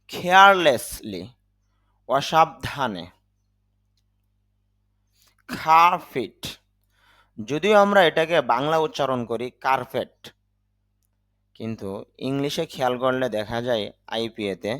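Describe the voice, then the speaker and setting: Guy doing an english vocab lesson, slow and careful, spells out each sound, dry close mic. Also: mid-range voice, dry recording. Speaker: English teacher.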